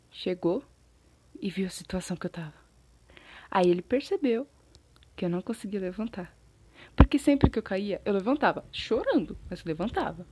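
A Brazilian woman telling a casual story, chatty and animated, often losing her thread, her throat a little scratchy. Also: mid-range voice, breathy edge, no echo.

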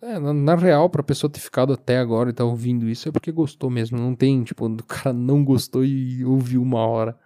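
A sleepy young man with a southern Brazilian accent talks casually by himself as a podcast host, in an informal, halting, meandering way. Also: medium pitch, steady tone, mellow. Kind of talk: casual solo monologue, rambling. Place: recorded lying down, alone.

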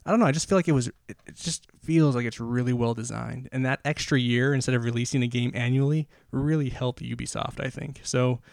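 A man's voice: mid-range voice, fairly even intonation, fairly quick, creaky, few pauses, dry recording, clean studio sound. A man hosting a solo podcast, talking enthusiastically in a rambling way with lots of fillers and restarts, a little out of breath. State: slightly out of breath. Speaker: podcast host.

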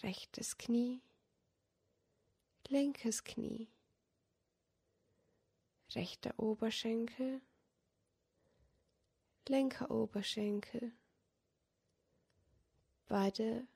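Female meditation guide: soft, dreamy, extremely unhurried delivery, mellow tone with some vocal fry. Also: on the high side, fairly even intonation. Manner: soft, soothing, dreamy, partly breathy and near-whispered. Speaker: yoga nidra meditation guide. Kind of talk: guided meditation body scan, slow spoken cues.

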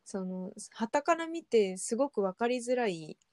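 A young woman co-hosting a podcast, talking candidly in casual chat, halting with many fillers. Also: fairly high pitch, lively intonation, a little mellow, no room sound, studio quality. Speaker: podcast co-host.

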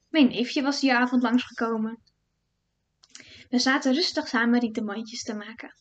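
High-voiced woman telling a spooky tale. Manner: slow, often dropping to a hushed whisper. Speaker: storyteller. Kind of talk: first-person fairy-tale storytelling. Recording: dull lo-fi recording.

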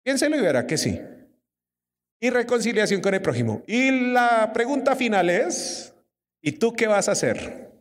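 A young Colombian preacher with a high voice gives a lively sermon, keeps questioning his congregation. His voice rings through a hall with a long reverb. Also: normal speed. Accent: Colombian Spanish. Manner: lively, asks the audience questions.

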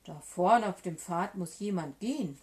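A woman voicing a big, gruff, slow-witted monster in a children's storybook reading. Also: on the low side, lively intonation, a little mellow.

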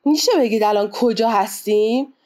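A woman voicing a hot-tempered American ship captain who shouts indignantly in a storybook reading. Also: mid-range voice, natural voice.

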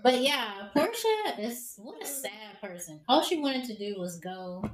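A woman with a slightly high voice co-hosts a casual podcast, talking in an animated, quick way. Her voice sits in a roomy echo. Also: crowd noise. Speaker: podcast co-host. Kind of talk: casual discussion.

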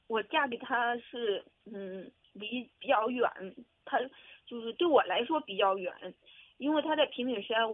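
A woman's voice: on the high side, dry recording. Tearful woman caller on a phone line. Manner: halting, hesitant, repeats herself. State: close to tears. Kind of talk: call-in radio advice.

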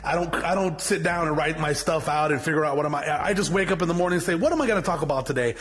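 His voice is on the high side, quick and fairly bright. He's a business owner in his forties delivering an off-the-cuff motivational talk to viewers, blunt and fiery, rambling and repetitive, with frequent swearing and restarts.

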